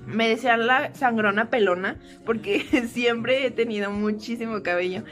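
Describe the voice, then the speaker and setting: A young woman with a Mexican Spanish accent tells a storytime vlog in a fairly high voice. She's animated and laughs often, slipping into squealed impressions of the people in her story. Soft music plays faintly behind her. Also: normal speed. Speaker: vlogger.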